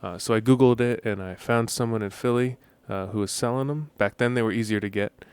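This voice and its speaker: A young man guesting in a radio studio interview, explaining at length in a relaxed way with many ums. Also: medium pitch, fairly quick, clean tone, no room sound. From United States. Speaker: musician guest.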